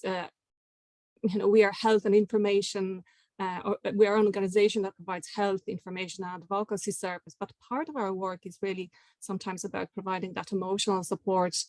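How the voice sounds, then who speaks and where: A woman's voice: medium pitch, a little mellow, no room sound. A woman speaking on a webinar panel about her advocacy work, hesitant and full of fillers. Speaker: health advocacy worker, panelist.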